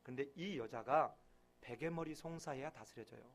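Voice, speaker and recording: A man preaching a sermon as pastor, acting out quoted voices with sudden loud outbursts and dropping to a murmur at the ends of phrases. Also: medium pitch, normal speed.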